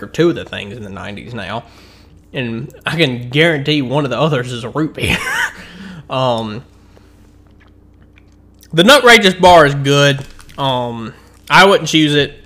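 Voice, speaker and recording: A man's voice: medium pitch, sharp tone. A man hosting his own candy-rating show, rambling casually through a review and chewing as he talks. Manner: rambling and chatty, with frequent restarts and ums; eating and chewing while he talks.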